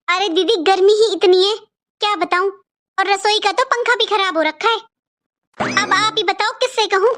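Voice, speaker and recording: A woman's voice: extremely high pitch, sharp tone. A woman voicing a house-proud, passive-aggressive sister-in-law in a cartoon, complaining in a whiny, sugary tone. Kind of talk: cartoon voice acting.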